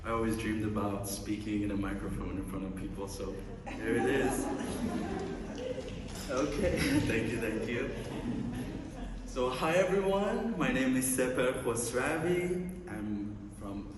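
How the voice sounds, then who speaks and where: A young man from Iran, a student researcher, presents at a conference in a large lecture hall, staying upbeat and slipping playful asides between slide points. His medium-pitched voice keeps a measured pace, with heavy background noise and an echoey hall picked up by a distant mic.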